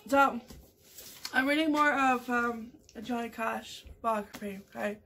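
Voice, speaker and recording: A Canadian vlogger in her thirties chats casually to her webcam over morning coffee in a small room at home, rambling with plenty of fillers and restarts. Her fairly high voice is unhurried, pushed, and bright.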